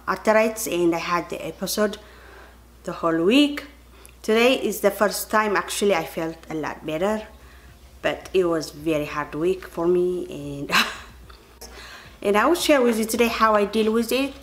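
A woman in her thirties talking to camera in her kitchen, earnest and chatty, often calling her viewers you guys. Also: on the low side. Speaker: vlogger. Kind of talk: casual vlog to camera. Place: kitchen at home.

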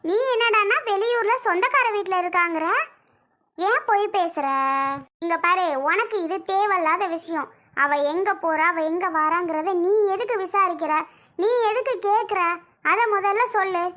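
A woman's voice: normal speed, pushed and bright. A woman playing a fierce, quarrelsome middle-aged mother-in-law who accuses and demands answers. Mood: angry. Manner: shrill, accusing.

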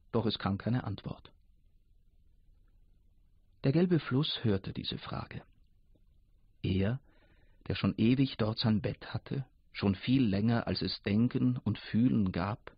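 Male narrator, measured radio reading, husky tone, dry and dull recording. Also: mid-range voice, no room sound. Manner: measured storytelling. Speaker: narrator, actor reading a story.

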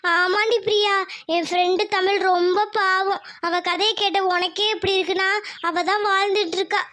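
Someone voicing an excitable young friend. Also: extremely high pitch, normal speed. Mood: urgent. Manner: excitable, urgent. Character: young village woman, excitable loyal friend.

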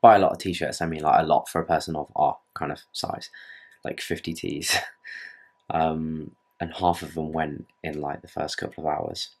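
At a moderate pace and with flat delivery, the young British man's bass voice carries his late-night bedroom vlog. He's a fitness vlogger in his twenties, earnestly rambling to camera and swearing casually in British English.

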